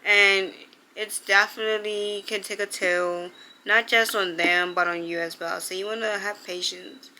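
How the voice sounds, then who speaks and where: A woman's voice: medium pitch, fairly even intonation, a little slow, bright, forceful tone, rough recording. Emotional young woman giving earnest advice. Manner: earnest, heartfelt, full of "like" fillers. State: emotional, near tears. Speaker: vlogger. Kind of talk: sit-down advice vlog.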